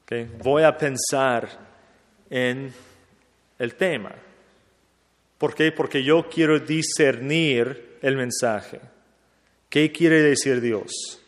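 A man, a priest, preaching a sermon in a slow, reflective way, asking himself questions and repeating them. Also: mid-range voice, long reverb tail.

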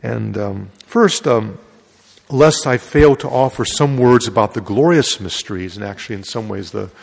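A priest reads the gospel and preaches a homily in a large church, where a long echo trails his words. His voice is lowish, with vocal fry, at a normal speed.

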